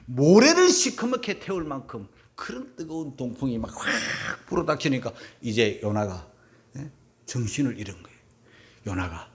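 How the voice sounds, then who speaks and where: A male pastor preaching a sermon, swinging from loud emphatic bursts to hushed whispers and calling his congregation to read along together. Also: fairly high pitch. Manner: leads the congregation in reading aloud together. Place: church sanctuary.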